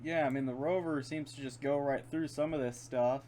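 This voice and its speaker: Fan noise hums under this gaming host's fairly quick, steady delivery, and keyboard and mouse clicks come through too. His mid-range voice has a darkish tone. Playing in his room, he rambles and thinks aloud in casual, unscripted commentary.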